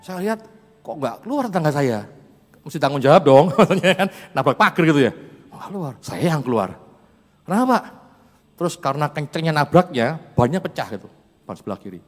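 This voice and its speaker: In a reverberant church hall with faint music behind him, a man preaches fast in a fairly high voice full of big pitch swings. This pastor tells his sermon like a chatty story and laughs frequently.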